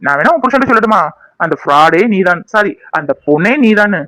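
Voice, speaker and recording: Guy doing a friendly teasing cartoon husband, quick and highish. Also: expressive, pushed and bright, dry recording. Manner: teasing, reassuring.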